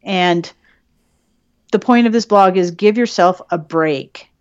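A woman's voice: fairly low pitch, takes it slowly, clean tone, no echo, lo-fi sound. A woman co-hosting a podcast in casual chat, swearing freely and laughing often. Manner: profane, laughing, chatty. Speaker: podcast co-host.

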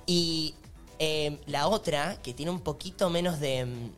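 A man's voice: on the high side, a bit bright, faint music behind. A young man with a Rioplatense accent, chatting playfully about films on a panel stream. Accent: Rioplatense Spanish. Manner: playful, drawn-out film chatter. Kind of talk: casual group chat.

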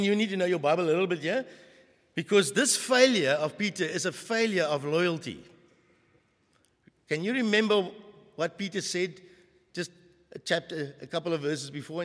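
A man preaching a sermon, animated, with many rhetorical questions to the congregation. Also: on the high side, moderate pace, big-room sound.

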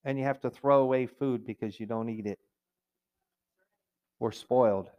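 A middle-aged man delivering a sermon from the pulpit. His voice sits at an ordinary male pitch, and his preaching is conversational and direct. He sometimes breaks into a raised, whiny voice to mimic complainers. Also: steady tone, normal speed, mellow, clear, resonant tone. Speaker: pastor.

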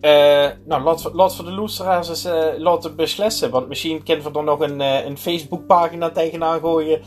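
A man with a Limburgish Dutch accent co-hosting a podcast, chatting casually and thinking aloud in a halting way. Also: a little high, fairly even intonation, faint music behind. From Limburg, Netherlands. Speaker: podcast host. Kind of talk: casual chat.

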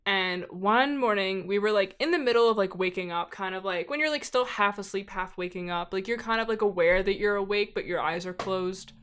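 This podcast guest is a young woman in a relaxed, chatty mood, spinning stories and leaning heavily on "like" as filler. She speaks briskly at a medium pitch, barely pausing, with a clean, slightly bright tone.

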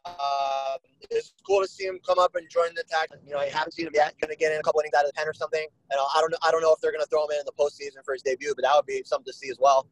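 Podcast guest, man, rambling and filler-heavy, a bit high-pitched. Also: expressive, rapid-fire, poor audio. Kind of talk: casual podcast chat.

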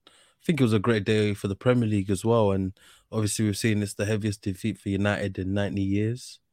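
Low-voiced young London roadman, close and dry. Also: little pitch movement, fast, darkish tone, dry recording. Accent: London, urban street slang. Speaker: host of a football discussion show. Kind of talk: casual football chat.

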